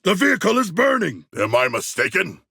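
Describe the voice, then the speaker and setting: King Shark, a gravelly, forceful shark warrior. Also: high voice, huge pitch swings, fairly quick, no echo, clean studio sound, exaggerated voice. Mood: battle-ready, forceful. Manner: stilted formal diction, earnest, declamatory. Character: huge humanoid shark warrior, formal, earnest, proud and literal-minded. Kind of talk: video game character voice lines.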